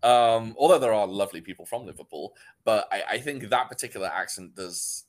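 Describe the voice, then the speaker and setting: Chatting casually on a podcast he co-hosts, this young man from North Wales laughs often and rambles, frequently starting over. His accent is North Welsh but near to English, and his voice sits on the low side at a slightly quick pace.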